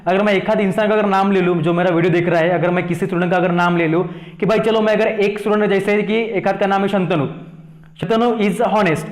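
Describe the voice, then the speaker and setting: A man's voice: high-pitched, steady tone, brisk, echoey room. A man with an Indian accent teaching a maths lesson, mixing Hindi and English and often asking students questions to check they follow. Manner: repeats questions to students, coaxing "thik hai na".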